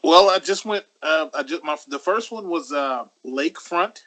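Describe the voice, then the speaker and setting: A man, co-hosting a casual chat in an easygoing, halting way. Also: fairly high pitch, expressive, pushed and bright. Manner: easygoing, halting, laughs often. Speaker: podcast co-host.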